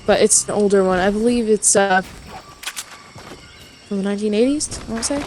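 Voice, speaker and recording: A woman's voice: mid-range voice, a little fast, a little mellow, a little hiss or hum. A woman chatting casually while gaming, enthusiastic and trailing off mid-thought. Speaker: gamer chatting while playing. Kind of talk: casual chat. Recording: game music behind.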